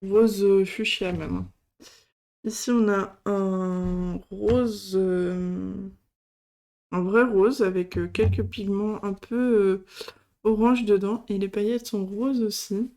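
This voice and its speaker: A woman's voice: medium pitch, fairly even intonation, takes it slowly, warm tone. A woman hosting a casual product demo, speaking hesitantly with many fillers as she shows items one by one. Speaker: craft channel host.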